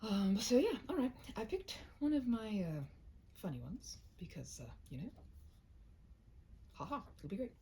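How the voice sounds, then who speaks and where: With an on-the-high-side, mellow voice, a woman chats animatedly at normal speed in an intimate roleplay aimed at one listener, then reads one of her own short stories aloud. She comes across as cozy, talkative, and a bit self-conscious. Slight background noise is audible.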